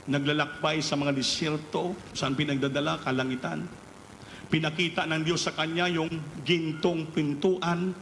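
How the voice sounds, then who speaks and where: Preacher in an echoey church hall. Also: male voice, slight background noise. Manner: animated storytelling, rising pitch at climaxes. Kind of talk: storytelling sermon. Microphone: live webcast of service.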